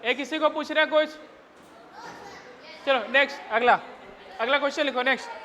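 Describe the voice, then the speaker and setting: A man's voice: very high-pitched, steady tone, fairly quick, sharp tone, some chatter behind. A male physics teacher running a rowdy class, scolding and teasing his students in crude slang between dictated questions. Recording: lo-fi classroom recording in a reverberant room.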